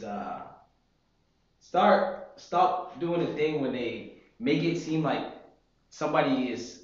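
Brief: young male co-host, mid-pitched, relaxed and opinionated, echoey muffled room. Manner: laid-back, opinionated, explains with slang. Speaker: podcast co-host. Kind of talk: casual chat.

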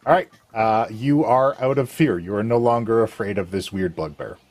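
A man as dungeon master, calmly explaining rules and outcomes in a casual tabletop game. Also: fairly low pitch, normal speed.

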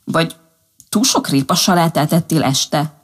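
A woman's voice: low voice, breathy edge. A woman voicing a male rabbit husband who teases his wife in a storybook. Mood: teasing.

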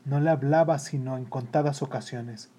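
Mellow, husky storyteller. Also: medium pitch, moderate pace. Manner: calm, steady storytelling. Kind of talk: scripted narration of a children's story.

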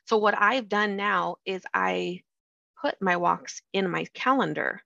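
A woman's voice: medium pitch, measured pace, gravelly, sharp tone, dry recording. A middle-aged woman hosting a podcast, chatty and encouraging in casual conversation. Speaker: podcast host. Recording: dull, dry lo-fi sound.

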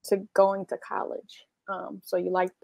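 A woman hosting a casual interview, asking brisk questions and giving short backchannels. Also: medium pitch, completely flat delivery, gravelly, a little mellow. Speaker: host, interviewer.

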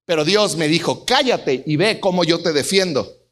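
A middle-aged man preaching a sermon, telling stories and acting out voices with big swings in pitch. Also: lively intonation, normal speed, a bit bright. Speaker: pastor.

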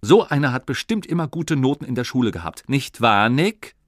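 A man reading as a stern, irritable storybook father who scolds and snaps. He speaks loudly, with a lively rise and fall, and the sound is dry and close. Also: medium pitch, brisk, dry recording. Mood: scolding. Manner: scolding, impatient.

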